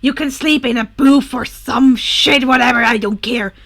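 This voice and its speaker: A woman reading a fanfic aloud and voicing a foul-mouthed, irritable young male villain who talks gruffly and loudly. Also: high voice, steady tone, moderate pace, full character voice. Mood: exasperated. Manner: gruff, swearing, loud. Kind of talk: podfic character voice.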